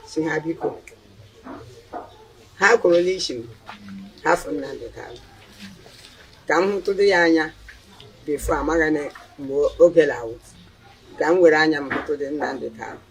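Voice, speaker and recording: A woman's voice: low voice, moderate pace, creaky, pauses often, poor audio. A very old woman in her nineties from southeastern Nigeria, with an Igbo accent, making a spoken plea as a community elder. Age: 90s.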